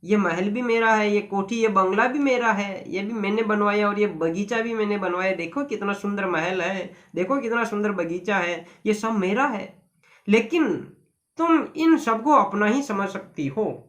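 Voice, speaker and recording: A teacher voicing a rich older man who owns a garden, speaking in a gentle, coaxing way during a story lesson. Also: medium pitch, unhurried, close to an everyday voice.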